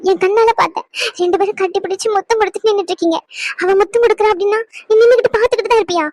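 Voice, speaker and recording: A woman's voice: very high voice, very fast, a little mellow, no room sound. A woman voicing a young wife in a cartoon drama, pleading and bitterly reproachful toward her husband. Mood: angry. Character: young wife, hurt and fed up.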